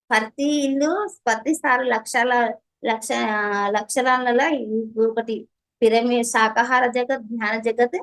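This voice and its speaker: A woman with a Telangana Telugu accent and a slightly high voice tells an interviewer about her meditation experience, earnest and fervent, almost preachy. The recording is rough.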